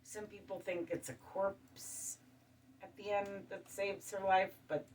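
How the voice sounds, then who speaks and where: A woman hosting her show, talking calmly in a casual monologue and listing things one by one. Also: medium pitch, a little slow, far from the mic, a little hiss or hum. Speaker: show host. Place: studio.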